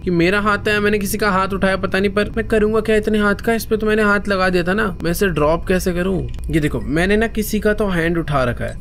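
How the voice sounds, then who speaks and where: A young man with a Hindi accent doing excitable let's play commentary of a horror game, talking to viewers with jumpy startled cries. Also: high-pitched. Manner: excitable, talks to viewers, jumpy frightened exclamations. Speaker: gaming YouTuber.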